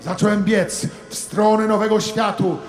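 A man delivering a satirical sermon monologue as a comic preacher, theatrical, moving from hushed asides to shouted preaching. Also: sits high, fairly even intonation, moderate pace, roomy sound, long reverb tail, faint music behind.

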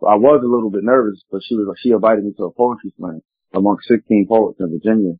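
A man's voice: fairly low pitch, quick pace, slightly rough, no room sound. A man telling his personal story as an interview guest, in an earnest, meandering, reflective way. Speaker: guest, spoken word poet. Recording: tinny phone-like line, dry.

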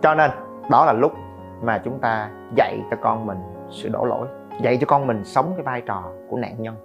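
A middle-aged man hosts a parenting podcast at a mid-range pitch. He talks in a lively way and addresses listeners with joking asides. The recording sounds slightly dull, with faint guitar music behind him. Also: normal speed, creaky. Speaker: podcast host.

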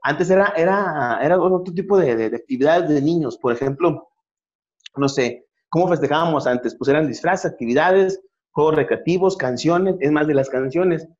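A man's voice: fairly high pitch, moderate pace, highs cut off. A middle-aged man with a Mexican accent, telling funny stories in casual chat as show host, with many restarts. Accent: Mexican Spanish. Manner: joking storyteller, many restarts.

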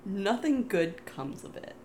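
A woman co-hosting a podcast, chatting casually and telling a personal story with wry, quick asides. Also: mid-range voice. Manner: relaxed and wry, quick asides, laughs often. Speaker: podcast co-host.

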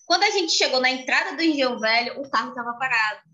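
Bright, animated woman telling a story. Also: high voice, quick pace. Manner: animated, laughing, expressive storyteller. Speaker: podcast host. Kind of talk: casual chat, storytelling.

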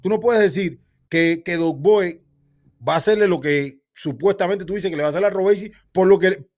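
A man's voice: high voice, normal speed, a little mellow. A man with a Cuban accent co-hosting a boxing show, insisting on his point and repeating himself in a heated casual debate.

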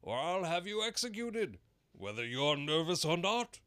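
A man voicing a pompous, bellowing king who keeps threatening executions, speaking slowly and loudly. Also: high voice, big pitch swings, dry recording, voice pushed up, exaggerated voice. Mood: blustering. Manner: slow, loud and overbearing.

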